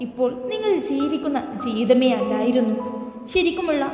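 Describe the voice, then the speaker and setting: A woman voicing a gentle, tender middle-aged mother who speaks to her grown children in a soothing way. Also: high-pitched, expressive, normal speed. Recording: echoey reverb with soft music.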